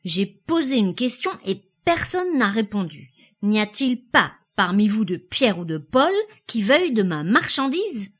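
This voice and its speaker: A woman reading aloud, voicing a brash, drunken young male hay-trusser in a loud, mocking, swaggering way. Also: medium pitch, big pitch swings, unhurried, slightly rough, heavily acted.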